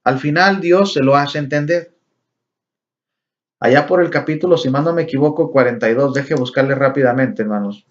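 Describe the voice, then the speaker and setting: A man's voice: medium pitch, normal speed. A man teaching a Bible lesson, often calling his listeners brothers and asking them rhetorical questions. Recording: dull lo-fi recording.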